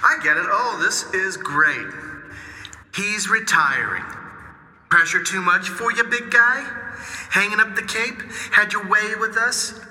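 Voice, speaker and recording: A man's voice: sits high, measured pace, sharp tone, reverberant, big-room sound, exaggerated voice, low-quality recording. An actor playing a bitter, cynical drunk man who mocks and sneers at everyone. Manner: sneering, mocking.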